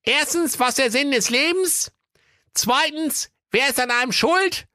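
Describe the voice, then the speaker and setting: A man voicing a cheeky, swaggering male schnitzel hero in a brash, mocking falsetto, for a comic storybook tale. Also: unhurried, bright, forceful tone, dry recording, studio quality, exaggerated voice.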